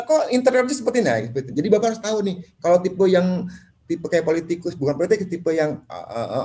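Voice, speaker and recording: A man speaking at a property seminar, animated, acting out clients in quick voices. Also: fairly high pitch. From Indonesia. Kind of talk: lively seminar talk.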